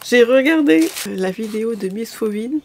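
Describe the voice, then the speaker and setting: A woman's voice: a little high, lively intonation, normal speed, darkish tone, slight background noise. A woman chatting casually through a shopping haul video, a little tired, hesitant, with many fillers and restarts. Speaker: lifestyle vlogger.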